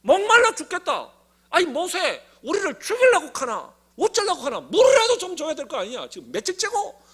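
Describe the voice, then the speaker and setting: A man with a Gyeongsang accent voicing a thirsty, complaining crowd of Israelites who whine and shout at Moses. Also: very high voice, huge pitch swings, moderate pace, pitched above the performer's own voice, heavily acted. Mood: grumbling. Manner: whiny, shouting, grumbling.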